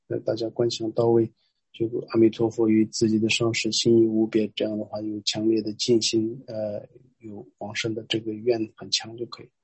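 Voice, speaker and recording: A male meditation teacher guides a Buddhist practice, alternating instruction with prayer recitation. His voice is husky and slightly breathy, and it stays flat and even in pitch. The recording is dry, with no room sound. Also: no echo, rough recording.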